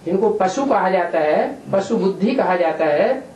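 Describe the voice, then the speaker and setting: A man's voice: high-pitched, animated, unhurried, darkish tone, muffled recording. A man acting as spiritual teacher, answering questions in a patient explaining manner and often checking with a rhetorical question. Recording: echoey room, distant mic, faint hiss.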